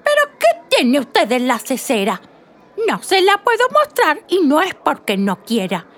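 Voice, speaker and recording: A woman voicing a stubborn, hurried shopper in a read-aloud play, pushing her words out with emphasis. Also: high voice, huge pitch swings, pitched above the performer's own voice, exaggerated voice. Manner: stubborn, rises to emphatic outbursts.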